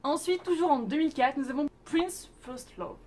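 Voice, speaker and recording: A young woman with a high, bright-sounding voice talks through her picks in a relaxed, chatty vlog manner, dropping playful asides and fillers as she goes. A faint hiss of noise sits under the recording. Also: normal speed. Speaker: YouTube host reviewing Korean dramas. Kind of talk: casual vlog recommendations.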